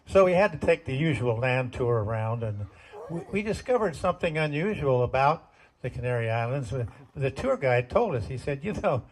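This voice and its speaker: A man's voice: mid-range voice, animated, normal speed. An older man telling folksy, self-deprecating jokes as stand-up comedy at a community talent show.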